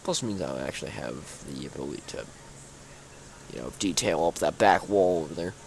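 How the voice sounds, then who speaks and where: A young man with a creaky bass voice speaks animatedly and a little fast, with slight background noise. He's a gaming YouTuber showing off his own build, sounding sleepy and yawning, his casual commentary packed with fillers and restarts.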